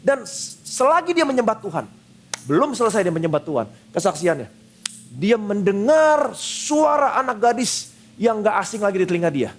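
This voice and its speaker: A man's voice: high voice, very animated, moderate pace, a little hiss or hum. A male pastor preaching a sermon at a church service, emphatic and repeating short phrases, with English phrases mixed in.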